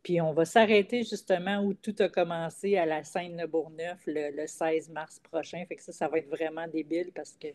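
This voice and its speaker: A woman with a Quebec French accent talks casually as an interview guest. Her voice sits low and sounds warm and mellow. She pauses often on filler sounds as she goes. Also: fairly even intonation. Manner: halting, frequent "euh" fillers. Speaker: comedian guest.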